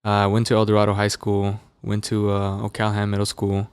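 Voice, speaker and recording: This young man from Las Vegas, USA, is a musician appearing as a guest in a podcast studio, speaking into a dynamic studio mic. His clean voice sits on the low side and runs a little fast, captured dry. The casual interview has him telling relaxed, loose stories packed with fillers.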